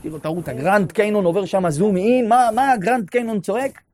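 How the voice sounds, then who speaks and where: A man teaching a live class on prayer, leading guided imagery with questions and building to loud exclaimed refrains. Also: sits high. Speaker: religious teacher.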